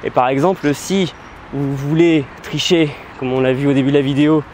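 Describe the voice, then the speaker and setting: A man's voice: mid-range voice, fairly even intonation, brisk, darkish tone, a little hiss or hum. A man hosting a language-learning channel, explaining in a casual, conversational way, with frequent fillers and restarts. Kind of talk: casual explanatory video talk.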